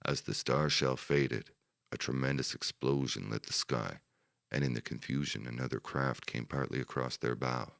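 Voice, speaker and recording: A man narrating a wartime history audiobook in a steady, measured manner. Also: a bass voice, creaky, no room sound, studio quality.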